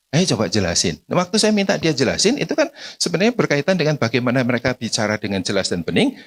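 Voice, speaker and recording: A man lecturing parents in a relaxed, talkative way, checking in with the crowd after nearly every sentence. His pitch swings up and down a lot as he speaks. He sits at an ordinary middle pitch. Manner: conversational, constant tag questions to audience; acts out short everyday dialogues.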